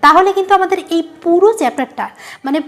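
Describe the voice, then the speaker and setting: Woman, teacher, high-pitched, patient, repeats and quizzes. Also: rapid-fire, a bit bright. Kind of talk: online grammar lesson.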